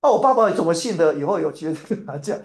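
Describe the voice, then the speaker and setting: A man from Taiwan preaching a sermon, telling a family story in an animated way and repeating his phrases. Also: a little high, fast talker, echoey room.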